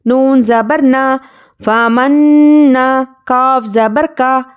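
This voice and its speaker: Slow, high-voiced woman teaching recitation. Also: steady tone, smooth, lo-fi sound. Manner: spells out letters and vowel marks, then blends them slowly; explains quickly in a conversational teaching tone. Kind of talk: slow syllable-by-syllable spelling drill.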